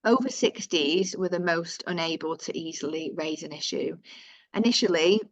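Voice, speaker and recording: Northern english woman talking through survey results on a webinar, low voice, muffled dry audio. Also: moderate pace, no room sound. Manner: reads out figures, with fillers and self-corrections. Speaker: presenter of survey findings. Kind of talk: webinar presentation.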